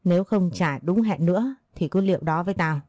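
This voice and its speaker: A woman's voice: fairly low pitch, brisk, warm tone, no room sound, natural voice. A woman voicing a harsh older village moneylender woman who talks bluntly and rudely. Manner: blunt, bullying, rude.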